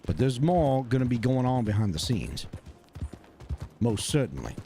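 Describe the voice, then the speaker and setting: A man, speaking gruffly and bluntly in character during a roleplay game stream, swearing often. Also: medium pitch, sing-song, moderate pace, mellow, slight background noise.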